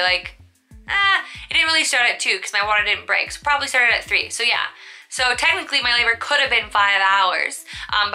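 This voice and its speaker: A woman's voice: mid-range voice, sharp tone. A young woman, a new mother, telling her story in a casual vlog, chatty and rambling with lots of fillers, and sleep deprived.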